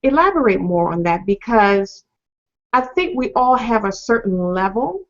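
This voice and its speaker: A woman's voice: mid-range voice, very animated, a little slow. A woman hosting an interview, asking searching, rambling questions with many fillers. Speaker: host. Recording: dull lo-fi sound.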